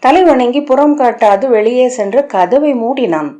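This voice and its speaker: Mellow-voiced woman narrating a novel. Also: on the high side, expressive. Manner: measured, literary reading. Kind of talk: scripted narration of a literary novel.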